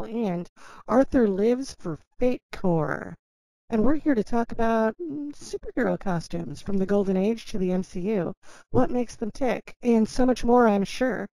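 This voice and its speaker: A woman opens a podcast as its host with a scripted introduction. Her manner is campy and theatrical, in the style of a drag queen. Her voice is soft-edged and mellow, recorded dry. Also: mid-range voice, no room sound, low-quality recording.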